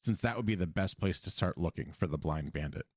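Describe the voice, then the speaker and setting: A man co-hosting a podcast, recapping an episode in animated casual chat and laughing often. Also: deep voice, a little fast, no echo, studio quality. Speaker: podcast co-host. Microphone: podcast microphone.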